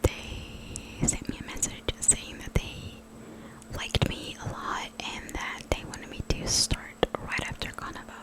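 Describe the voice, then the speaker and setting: A young woman whispering in a hushed voice, rambling casually for ASMR in a halting, conversational way. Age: young adult. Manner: hushed voice, pure unvoiced whisper. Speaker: ASMR content creator.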